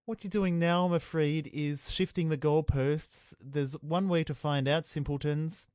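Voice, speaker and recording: A man's voice: on the high side, fairly even intonation, measured pace, darkish tone, dry recording, studio quality. Playful man with theatrical mock-sinister asides. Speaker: podcast co-host. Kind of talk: casual comedic chat. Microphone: remote call.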